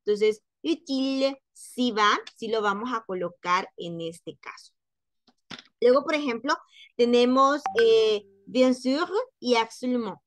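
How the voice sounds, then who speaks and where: A woman's voice: fairly high pitch, no echo. Patient woman teaching French sounds. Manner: patient, repeats sounds slowly to demonstrate. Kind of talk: online phonetics lesson.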